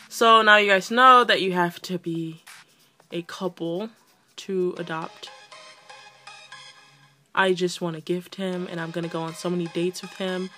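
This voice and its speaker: A young woman vlogging about a phone game, gushing and breathless, repeating herself in excitement. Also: on the low side. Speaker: mobile game player. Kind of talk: excited gaming vlog chatter.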